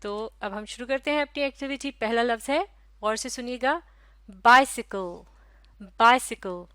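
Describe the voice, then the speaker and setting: A woman teacher giving a recorded lesson, talking slowly and patiently, breaking words into syllables and repeating them. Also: fairly high pitch, a bit bright, no room sound. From Pakistan.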